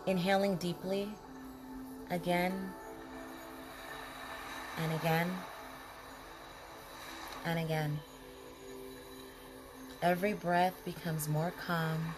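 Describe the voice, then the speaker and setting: A woman with a lowish voice leads a guided body scan meditation over background music. Her delivery is soothing and calm, with brief, unhurried phrases and pauses between them.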